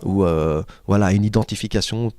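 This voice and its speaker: A man's voice: fairly low pitch, a little fast, darkish tone. A man, an actor and playwright, talking thoughtfully in an interview with frequent hesitations. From Lebanese-born family, raised in Guinea. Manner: thoughtful, hesitant with many fillers. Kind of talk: casual interview.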